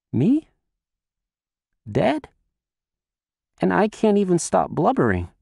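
A man's voice: on the high side, no echo, voice pushed up. A man voicing a frightened young boy who has just died, pleading and close to tears. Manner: breathless, pleading, near tears. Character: frightened tearful young boy, recently dead.

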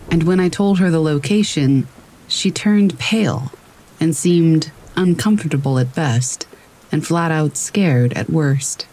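A narrator reading scary stories aloud in a calm, measured storytelling voice. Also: mid-range voice, poor audio. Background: faint rain.

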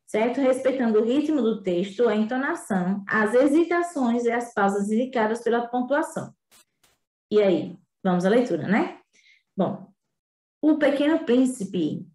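A woman's voice: on the high side, darkish tone. A woman teacher giving a remote reading lesson in a chatty way, full of tag questions. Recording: echoey room.

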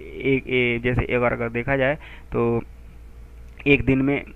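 A man teaching a physics textbook chapter in chatty Hindi, reading English lines slowly and working sums aloud with many pauses and restarts, on a tinny phone-like recording. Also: mid-range voice, little pitch movement, gravelly. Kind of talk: textbook explanation lesson.

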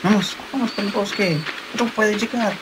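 A man's voice: high voice, normal speed. Young male gamer over heavy noise. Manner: repeats short phrases, talking to himself. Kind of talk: gameplay commentary. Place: small room indoors. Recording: very noisy home gaming recording.

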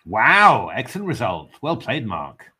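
A man's voice: mid-range voice, unhurried, slightly rough. An English man giving live commentary on online chess games, thinking aloud with lots of fillers and bursts of cheering. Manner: excitable cheering, then musing with many fillers.

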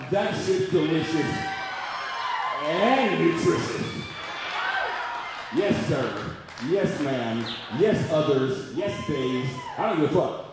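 A man's voice: on the high side, very echoey, recorded from a distance, heavy background noise. A man doing a profane, rowdy stand-up comedy set on a club stage, talking straight to the crowd on a handheld mic. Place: comedy club stage before a live audience.

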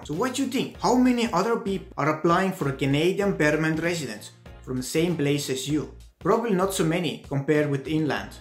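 A young Estonian vlogger with an Estonian accent offers earnest, deliberate advice in a scripted video, gesturing with his hands as he talks. His voice sits on the high side, and the sound is roomy.

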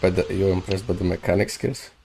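A man's voice: low voice, fast talker, creaky, darkish tone. A man teasing a random teammate over voice chat while playing a mobile shooter, calling him bro. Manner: teasing, calls people bro. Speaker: mobile game streamer. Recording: noisy game audio behind voice chat. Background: gunfire from the game.

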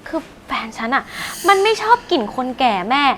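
A woman's voice: sits high, big pitch swings, moderate pace, a bit bright, a little hiss or hum. A woman playing a scornful, selfish daughter. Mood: cold. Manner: brash, whiny and scornful. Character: selfish grown daughter, cold toward her mother. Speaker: younger daughter. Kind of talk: short-film drama acting.

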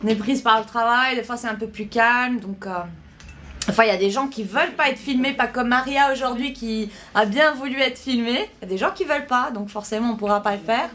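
Woman, 30s, casual live-stream host, slightly high voice, phone mic, light shop noise. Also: a little fast, fairly bright tone. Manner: chatty, reads out viewer questions and answers them. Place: small shop with a big front window, indoors. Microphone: phone held at arm's length.

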